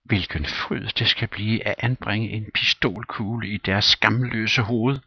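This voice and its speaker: A man reading a play aloud and voicing an outraged young widow in a shrill, indignant falsetto. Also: fairly even intonation, slightly rough, no echo, muffled recording. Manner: shrieking, indignant, high.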